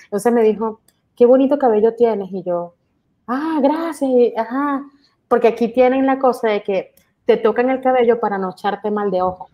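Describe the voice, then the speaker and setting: A young adult woman with a Venezuelan accent, co-hosting a casual podcast chat and telling animated stories, acting out the lines people said to her. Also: a little high, moderate pace, dull audio. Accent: Venezuelan Spanish. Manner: animated storytelling, acts out quoted lines. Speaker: podcast co-host.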